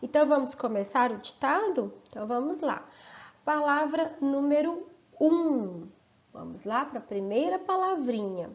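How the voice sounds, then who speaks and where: Slow, careful schoolteacher woman. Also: high voice, lively intonation, dull audio. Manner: slow, careful, stretches out sounds and syllables. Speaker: primary school teacher. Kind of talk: slow remote lesson for children and families.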